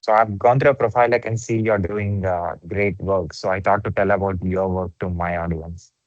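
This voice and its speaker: A man hosts a podcast interview over a video call, asking questions politely and hesitantly. His voice sits fairly low, and the audio is dull, lo-fi and dry. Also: steady tone, normal speed, no room sound. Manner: polite, hesitant with many fillers. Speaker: podcast host.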